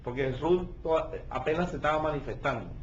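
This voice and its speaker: Man, pastor, Bible study teaching, fairly high voice, muffled lo-fi recording. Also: brisk, a little hiss or hum. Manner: explains verse by verse, checks in with listeners. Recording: dull lo-fi recording with faint ambience.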